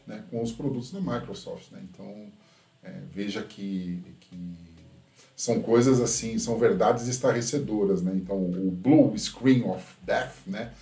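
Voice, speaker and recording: A man's voice: fairly low pitch, a little slow, mellow. A man hosts a casual tech commentary. He is critical and keeps tagging his sentences with a questioning "right?". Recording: roomy echo from a distant mic.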